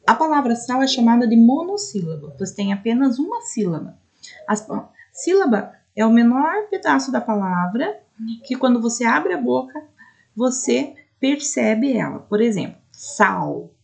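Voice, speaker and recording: Brazilian woman teacher, fairly high voice with some fry, patient explainer for adult learners. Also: darkish tone. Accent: Brazilian Portuguese. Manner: explanatory, frequent "né?" checks, spells out syllables slowly. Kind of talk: recorded lesson for adult students.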